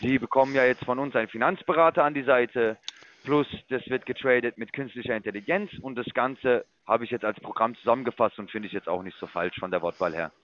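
A man making a sales call in a mid-pitched voice, talking down to the other person. He lectures and steers the talk back to business. The line sounds dull and lo-fi. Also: fairly quick. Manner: condescending, lecturing. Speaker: investment sales caller.

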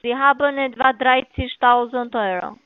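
A woman's voice: high voice, steady tone, normal speed, no echo. A woman scam caller talking over a phone line, speaking broken German and repeating herself. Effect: heard over a phone line. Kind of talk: phone call.

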